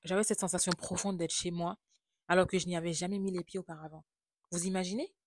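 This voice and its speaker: A woman's voice: lowish voice, fairly even intonation, quick pace, background noise. A woman from Haiti with a French accent, telling a personal travel story in a confiding, reflective way. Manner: confiding, reflective, softly spoken. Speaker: vlogger.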